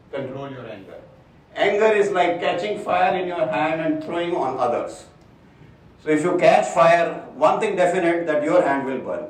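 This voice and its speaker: Workshop facilitator, male, slightly higher voice, distant mic in a reverberant room. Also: darkish tone, slight background noise. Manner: asks the room questions, then explains. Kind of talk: interactive workshop talk. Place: large echoey room with a group. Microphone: far from the mic.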